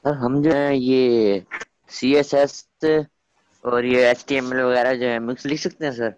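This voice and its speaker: A man's voice: mid-range voice, fairly even intonation, measured pace, a little mellow, clean tone, no echo. Man heard over a lo-fi online call. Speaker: student.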